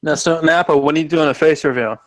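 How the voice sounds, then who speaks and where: A man's voice: a little high, fast talker. A man chatting on a group voice call, hesitant and modest, stumbling over words. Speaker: dash cam channel host. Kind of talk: casual group voice chat.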